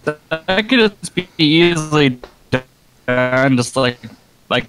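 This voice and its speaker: A man playing a tabletop game over a video call, his audio cutting out from a bad connection, talking in halting starts and restarts. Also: a little high, lively intonation, fairly bright tone, soft background music, rough recording. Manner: halting, restarts often, clears throat. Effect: choppy audio cutting out from a bad internet connection. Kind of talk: casual online game session.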